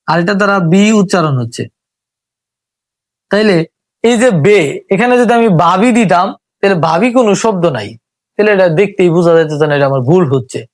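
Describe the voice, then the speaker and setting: A man's voice: high voice, no room sound. A man teaching English reading, patiently sounding out words syllable by syllable. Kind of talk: spoken lesson.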